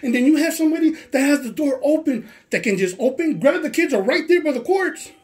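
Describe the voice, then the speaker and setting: Insistent, deep-voiced middle-aged father. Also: animated. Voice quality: deep, strained voice after surgery. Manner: insistent, rapid-fire questioning, then long explanations. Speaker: parent. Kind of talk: heated complaint to school staff. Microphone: handheld phone recording.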